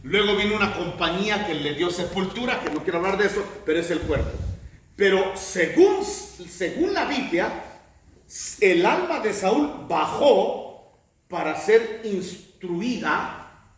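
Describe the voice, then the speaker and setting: High-voiced preacher in a very echoey room. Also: male voice, measured pace, slight background noise. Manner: animated storytelling, acting out quoted voices. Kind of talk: sermon. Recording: very echoey room, mic at a distance.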